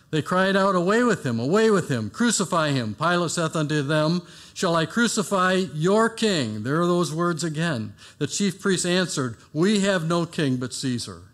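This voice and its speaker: A man preaching a sermon, rising for quoted cries and dropping low and soft at the ends of phrases.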